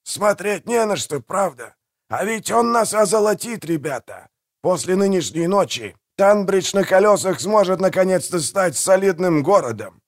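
A man's voice: high voice, lively intonation, moderate pace, voice pushed up. A man voicing a greedy, gloating male pirate mayor who barks orders, in a storybook reading. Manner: loud, barking orders.

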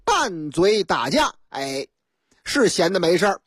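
A woman's voice: fairly low pitch, very animated, unhurried, a little hiss or hum. A woman with a Beijing accent telling a comic story on the radio, chatty with playful asides to the listener. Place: radio studio.

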